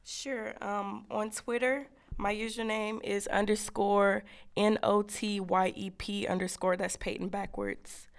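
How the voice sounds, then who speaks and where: A woman's voice: mid-range voice, level tone, measured pace, creaky. A young American woman answering casually as a guest in an interview. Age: young adult. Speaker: student election candidate, interview guest. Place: radio studio.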